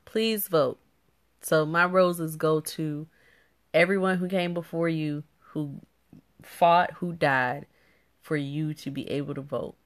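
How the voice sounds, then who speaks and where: Low-voiced woman co-hosting a podcast. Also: steady tone, takes it slowly. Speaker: podcast co-host. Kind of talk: casual chat.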